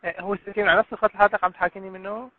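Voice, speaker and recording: A man's voice: sits high, flat delivery, racing. A man with a Syrian accent, heard over a phone line, working as a customer service agent and speaking with courteous, formal politeness. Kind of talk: polite phone support call. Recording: tinny dry phone line.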